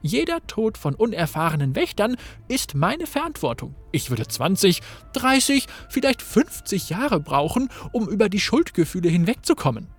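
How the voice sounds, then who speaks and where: A man's voice: high-pitched, sing-song, moderate pace, faint music behind, voice pushed up, heavily acted. A man reading the lines of an exuberant ancient warrior woman in a game story, declaiming grandly. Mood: boisterous.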